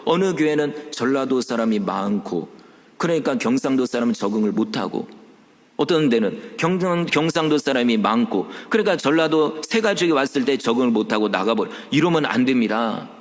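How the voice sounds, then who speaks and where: A man preaching a Sunday sermon as pastor, animated and full of rhetorical questions, acting out quoted voices. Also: medium pitch, moderate pace. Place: church sanctuary. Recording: long church hall reverb.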